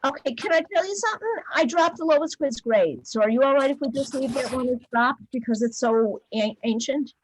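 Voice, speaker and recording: A woman math teacher chatting briskly and warmly with her students on a video call, with lots of fillers. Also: sits high, a little hiss or hum, poor audio. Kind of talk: casual talk with students after class.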